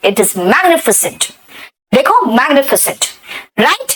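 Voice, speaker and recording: A woman with an Indian accent teaching English in a live online class, often checking with her students and saying example sentences slowly. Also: high-pitched, fairly bright tone, low-quality recording. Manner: addresses students as beta, checks with "right?" often.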